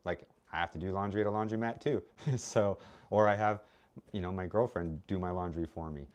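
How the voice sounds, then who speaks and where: A man with a low-pitched voice talks bluntly in a casual livestream chat. He is outspoken and rambles from one thought to the next, and he has the hiccups. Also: brisk, darkish tone. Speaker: co-host.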